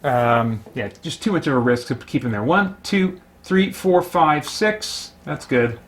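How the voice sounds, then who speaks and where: Hosting a solo tabletop game, a man casually narrates his moves and talks himself through the rules and choices in a play-by-play. His voice is a little high and a bit bright, and he's unhurried.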